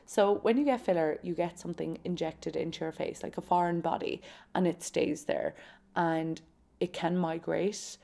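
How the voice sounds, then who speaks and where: A woman's voice: on the low side, fairly even intonation, normal speed, gravelly, dark tone. A woman in her twenties with an Irish accent from County Kerry in the southwest, chatting informally and confidingly as she tells personal stories to listeners. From County Kerry, Ireland. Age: 20s. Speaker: podcast host. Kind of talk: casual solo chat, personal storytelling.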